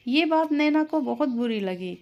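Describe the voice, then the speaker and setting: A woman's voice: high voice, measured pace, highs cut off. Woman telling a family story. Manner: steady, plain storytelling. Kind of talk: scripted story narration.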